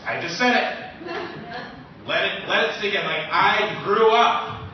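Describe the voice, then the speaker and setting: A man's voice: high voice, measured pace, recorded from a distance, a little hiss or hum. A young man from Maine doing a nervous first stand-up set, rambling with lots of "like" and restarts. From Maine, USA. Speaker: stand-up comedian. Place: small comedy club stage. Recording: echoey club audio, lo-fi, from afar.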